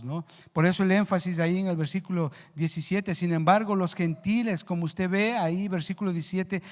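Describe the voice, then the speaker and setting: A male pastor preaching a sermon earnestly, rising in pitch and volume for emphasis and slowing down on key words. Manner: slows down to stress key words. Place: church hall. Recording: long church reverb.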